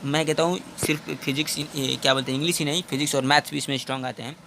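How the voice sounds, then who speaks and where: A man's voice: on the high side, fairly even intonation, vocal fry, sharp tone, slight background noise. A young man teaching English for exam preparation, explaining each question at length and calling his viewers friends. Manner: reads English question lines slowly, then explains in Hindi. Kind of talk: exam-prep lesson.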